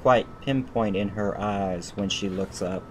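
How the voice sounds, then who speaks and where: This game streamer's voice is fairly low and unhurried as he reads the story text aloud and grumbles through it with lots of swearing. Steady background noise runs throughout.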